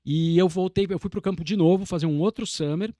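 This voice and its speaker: Brazilian man, 40s, podcast guest; slightly high voice, reflective storyteller, dry close mic. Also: fairly quick, mellow, no echo. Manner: reflective, meandering storytelling with many restarts. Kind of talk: casual interview conversation.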